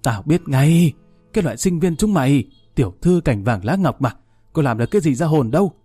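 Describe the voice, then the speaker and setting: A man voicing a fat, abusive middle-aged woman who owns a restaurant and scolds crudely and fast. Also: a little high, lively intonation, dark tone, husky, no echo, studio quality, faint music behind. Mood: scolding.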